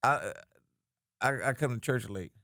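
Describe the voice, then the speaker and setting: A man's voice: mid-range voice, sharp tone, no echo, studio quality. A man with a Southern US accent, a pastor co-hosting a talk show, teasing his co-host and laughing often. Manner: teasing, quick to laugh, repeats "wait". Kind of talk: casual banter.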